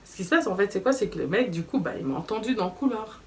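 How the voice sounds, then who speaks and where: A young woman telling a story in a casual vlog, animated and slangy, acting out quoted dialogue. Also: medium pitch, fast talker. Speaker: vlogger. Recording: slightly distant mic with faint background noise.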